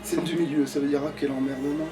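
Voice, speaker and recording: A let's play streamer speaks very fast in a slightly high voice with flat delivery, swearing and grumbling casually at the game and himself as he plays. He's recorded on a distant mic with game music in the background.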